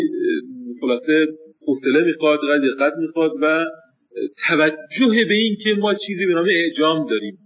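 Male teacher, husky voice, thinks aloud with pauses and restarts; lo-fi phone-like recording. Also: on the high side, far from the mic. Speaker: seminary teacher. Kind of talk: lecture on names and pronunciation.

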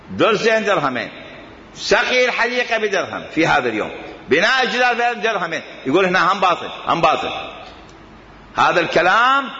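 Animated Iraqi man lecturing in an echoey hall. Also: high voice. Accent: Iraqi Arabic. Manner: animated, argumentative, fires rhetorical questions. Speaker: teacher of Islamic jurisprudence. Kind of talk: religious jurisprudence lecture. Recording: echoey hall, dull lo-fi sound.

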